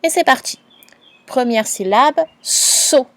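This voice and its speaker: A woman teacher giving a patient, clearly spoken dictation lesson to a young pupil, spelling out letters and sounds. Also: medium pitch, animated, a little slow, dry recording. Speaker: primary school teacher.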